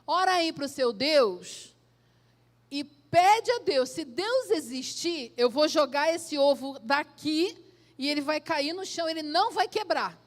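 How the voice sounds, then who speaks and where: A woman's voice: high voice, a little fast, close to an everyday voice. A woman preacher voicing a mocking, unbelieving male professor in a told story. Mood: challenging. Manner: scoffing, dares loudly.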